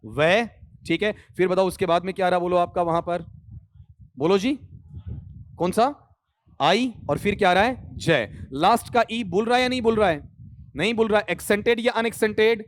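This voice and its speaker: A man with a fairly high voice lectures a room of students. He fires questions at the class and answers them himself. The sound is close and dry. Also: no echo. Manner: mixes English grammar terms into his Hindi. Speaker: English teacher.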